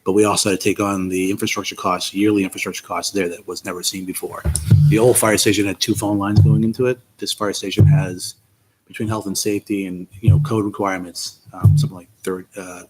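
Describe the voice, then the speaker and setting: A man, a town IT director, methodically walking a committee through budget line items with frequent ums, in a meeting recording with faint noise. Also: fairly low pitch.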